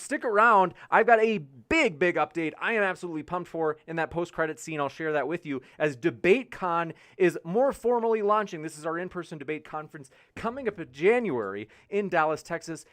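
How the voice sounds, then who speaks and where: A man's voice: on the high side, animated, brisk, hardly any pauses, a bit bright. A man moderating an online debate, reading out chat questions in an upbeat, chatty way. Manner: upbeat, chatty, hypes upcoming events.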